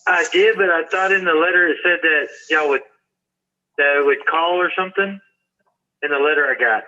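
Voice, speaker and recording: A man's voice: on the high side, moderate pace, bright, forceful tone. A man calling into a court hearing over a speakerphone from work, talking in a hesitant, plain-spoken way. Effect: heard over a speakerphone. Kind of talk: casual phone talk. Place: at work outdoors. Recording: muffled speakerphone line.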